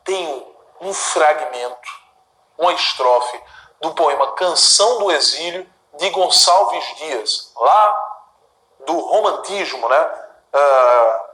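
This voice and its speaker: Brazilian male teacher, fairly high voice, lively asides, echoey studio. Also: slow. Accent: Brazilian Portuguese. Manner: chatty and emphatic, dotted with "olha" and "né?" asides. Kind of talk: recorded exam-prep grammar lesson. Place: studio with a director watching.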